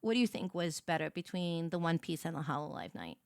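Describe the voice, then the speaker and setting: A woman hosting a casual livestream, talking in an animated, slangy way with plenty of swearing. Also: low-pitched, fairly quick, no echo, clean studio sound. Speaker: VTuber streamer and host with a 1950s diner waitress persona.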